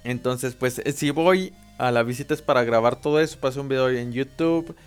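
A young man with a Mexican accent casually telling a personal story, slangy and animated. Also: mid-range voice, normal speed, smooth, faint music behind. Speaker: vlogger.

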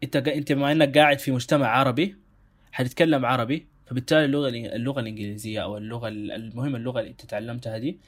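A Sudanese man talks quickly through a casual discussion as a co-host. He thinks aloud, reflective, and keeps steering himself back to his point. His pitch sits in a middle range for a man. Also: steady tone. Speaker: show co-host.

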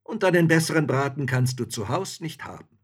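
A man's voice: a little high, lively intonation, a little fast, breathy edge, voice pushed up. A man voicing a bold, hungry, cheeky soldier in a storybook reading, talking in a boisterous, swaggering way.

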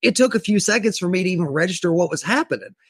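A man's voice: sits high, slightly rough, dry recording. A man telling an interviewer about a tense police encounter, retelling it animatedly and often restarting his words. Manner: animated retelling, acts out his own quoted lines; halting restarts, repeated words. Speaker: guest telling his self-defense story. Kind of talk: podcast interview, first-person storytelling.

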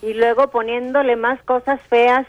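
A high-pitched woman's voice comes dulled through a phone line into a radio show. She has a northern Mexican accent and complains casually, in blunt everyday words. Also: level tone, normal speed. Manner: plain-spoken, colloquial, complaining. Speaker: radio caller. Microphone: telephone. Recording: dull band-limited phone line on radio.

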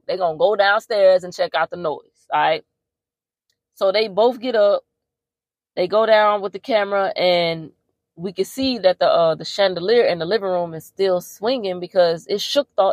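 A woman podcast host giving a casual movie recap, telling it in an animated, slangy way with plenty of profanity. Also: medium pitch, moderate pace, dry recording.

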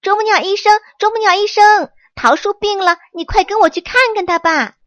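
A woman voicing a lively, excitable young male monkey in a children's storybook, with a high, quick and eager voice. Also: no room sound, lo-fi sound. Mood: urgent. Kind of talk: storybook character voice.

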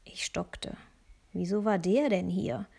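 Speaking at a slow pace in a mid-range voice, this woman tells a children's audiobook story from a first-person view. She keeps it lively, slipping in gentle, breathy asides.

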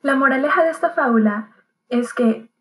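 A woman narrating a fable as a gentle, calm bedtime story. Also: sits high, moderate pace, rough recording.

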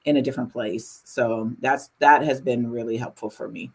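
A woman in her forties, a guest in an interview, speaking in a reflective, measured way with hesitant restarts. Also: very deep voice, steady tone, slightly rough. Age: 40s. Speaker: interview guest, university administrator. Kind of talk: conversational interview.

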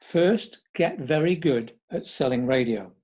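A man quoting a calm, firm station boss. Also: on the high side, unhurried, husky. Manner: calm, gentle but firm.

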